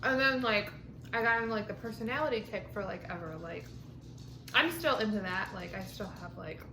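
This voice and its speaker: A woman's voice: medium pitch, a little fast, music in the background. A woman vlogger rambling casually and informally to camera over lunch, with frequent filler words and mild swearing. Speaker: vlog host. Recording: echoey room with clear background noise.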